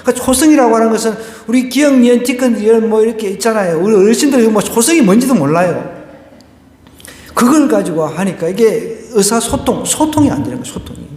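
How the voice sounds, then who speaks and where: Brisk and animated, this male pastor's high-pitched, darkish voice rings through an echoey church sanctuary. Preaching in a conversational way, he quizzes the congregation with rhetorical questions and shares a humorous joke-story.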